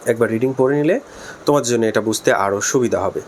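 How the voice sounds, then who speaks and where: A man with a Bangladeshi accent who teaches a linguistics lesson, explaining slowly, repeating key terms, spelling words aloud and mixing in English terms. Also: medium pitch, a little mellow, a little hiss or hum. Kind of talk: spoken lesson.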